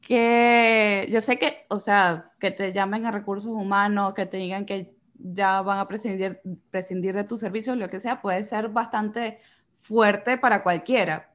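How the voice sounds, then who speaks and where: A woman interviewing a guest in a relaxed conversational chat. She answers her guest with affirming, reflective remarks. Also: medium pitch.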